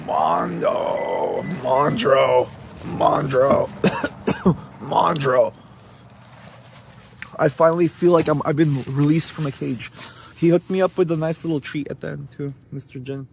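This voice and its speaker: A man with a fairly high voice chats casually to a live stream. His talk is loose and slangy, and there is clear street and vehicle noise around him. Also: steady tone, brisk, darkish tone. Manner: slangy, addresses viewers as bro and G. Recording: noisy street and vehicle background.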